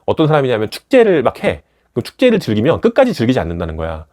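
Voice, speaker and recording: Fast, animated man retelling a manga. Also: mid-range voice. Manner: retells scenes and acts out characters' lines with a shifting voice. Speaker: manga commentator. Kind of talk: animated storytelling commentary.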